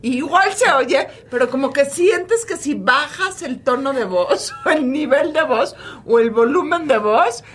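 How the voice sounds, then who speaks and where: Expressive Mexican woman leading a topic. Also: sits high, measured pace. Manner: storytelling, leads topics with asides. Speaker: podcast co-host. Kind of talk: casual comedic chat.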